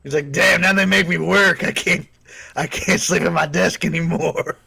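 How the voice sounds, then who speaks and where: A man's voice: on the high side, steady tone, moderate pace, gravelly, sharp tone, slightly rough. A man co-hosting a casual livestream chat, joking around and laughing often. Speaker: co-host of a livestream.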